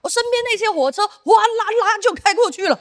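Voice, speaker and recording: A young woman with a high voice performs stand-up on a theater stage. She tells her stories briskly and slips into the voices of the people in them. Her voice carries over the room. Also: expressive, a bit bright. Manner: storytelling, acts out quoted voices. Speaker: stand-up comedian. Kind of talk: stand-up comedy set.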